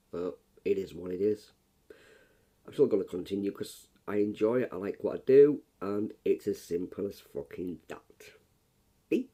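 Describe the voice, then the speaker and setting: A middle-aged man, hoarse and coughing after just waking up, giving a rambling, blunt, swearing early-morning rant. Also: low voice, mellow. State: hoarse, coughing, frog in throat. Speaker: YouTuber.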